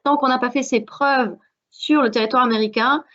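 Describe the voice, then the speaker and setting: A woman's voice: high voice, fairly even intonation, normal speed, fairly bright tone. A woman from France with a French accent, speaking earnestly as a guest with many hesitations in a panel discussion. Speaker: alumna guest. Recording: dull lo-fi audio.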